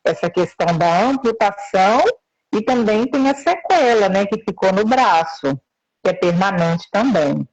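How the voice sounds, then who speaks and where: A woman speaking as a guest in a live interview, heard through a choppy, breaking-up call line, talking in a slow, measured way. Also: mid-range voice, lively intonation, darkish tone, breathy edge. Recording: dull lo-fi call audio.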